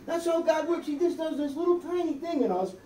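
A middle-aged American pastor delivers a conversational sermon, frequently checking in with "okay?" and "amen?". His voice is extremely high-pitched, animated and a little fast, with a dark tone and a faint hiss or hum. He's picked up by a distant camera with no visible mic in a small wood-paneled church hall, so the sound is echoey and far off.

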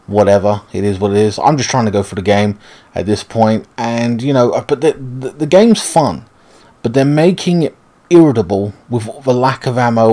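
A man's voice: medium pitch, dark tone. A man giving casual, rambling, sweary commentary as he plays a video game. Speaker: gaming video host.

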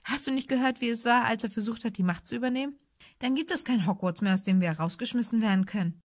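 A woman's voice: mid-range voice, no room sound, studio quality, close to an everyday voice. A woman voicing a brave, desperate young schoolboy wizard who talks urgently and pleadingly.

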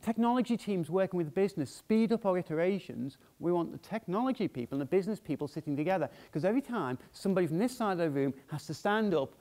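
A man with a fairly high voice delivers a conference talk from a stage in a big hall. He keeps it loose and conversational, tossing "yeah?" out to the crowd between points. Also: expressive, fast, hardly any pauses, warm tone. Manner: chatty, asks "yeah?" to the audience often. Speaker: conference speaker.

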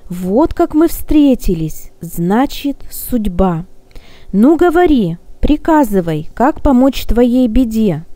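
A woman's voice: on the high side, sing-song, takes it slowly, mellow, dry recording. A woman reading as a gallant old gnome. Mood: soothing. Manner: gallant, soothing. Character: kindly old male gnome, gallant and gentle.

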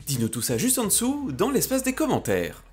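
A man doing playful, presenterly scripted narration as host of a gaming highlights show. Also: wildly swooping pitch, a little fast, a little mellow, slight background noise.

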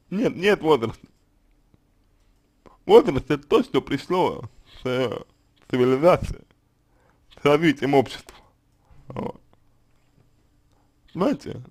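A man speaks as a consultant, answering a listener's question in an unscripted way. He explains step by step at a calm, even pace, often pausing and restarting his words. His voice sits at an ordinary pitch. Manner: hesitant, many fillers and restarts. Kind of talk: unscripted spoken advice.

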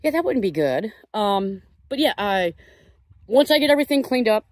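A woman's voice: a little high, big pitch swings, normal speed, dry recording. A woman who runs a koi farm, talking casually outdoors by a pond, gushing and cooing to her fish as she works.

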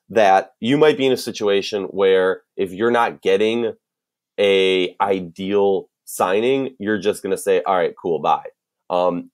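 A podcast co-host with a Minnesotan accent talks on a casual sports podcast in a voice on the low side. He thinks aloud, working through restarts and fillers before reaching his point.

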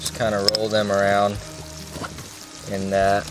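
A man's voice: lowish voice, monotone, measured pace, low-quality recording. A man, giving a folksy, laid-back cooking demo to the camera on a riverbank. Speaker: host. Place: outdoors on a gravel riverbank. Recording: music playing under the voice. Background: background music.

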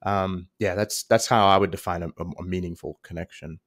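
A man's voice: low-pitched, steady tone, a little fast, fairly bright tone. A man speaking as a podcast guest, thinking aloud and hedging with ums as he goes. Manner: thoughtful, hedging, with many ums. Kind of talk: casual interview chat.

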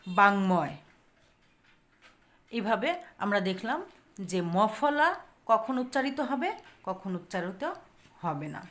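A woman's voice: medium pitch, expressive, slow pace, long pauses, fairly bright tone. Woman, online grammar teacher, repeats example words, answers her own questions. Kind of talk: grammar lesson explaining pronunciation rules.

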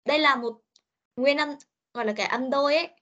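A woman's voice: high-pitched, fast talker, fairly bright tone. A woman English teacher, giving an online pronunciation lesson and drilling each sound and word several times. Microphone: video call. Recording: muffled online meeting audio.

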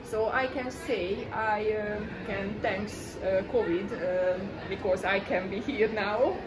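A woman in her forties from Hungary with a Hungarian accent, talking about her paintings in a halting way with many fillers. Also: medium pitch. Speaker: exhibiting artist. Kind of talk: informal gallery talk. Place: small gallery room with pictures on the walls. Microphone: far camera. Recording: distant mic with room noise.

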